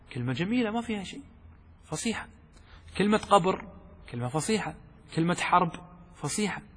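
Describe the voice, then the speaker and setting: A husky, fairly high-voiced man teaches as a sheikh, posing questions to his class and answering them himself. He chants the verses he quotes slowly. His voice rings with a long reverb, as in a large hall. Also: a bit bright. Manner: explains step by step, asks and answers his own questions. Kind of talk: classroom lesson explaining a text.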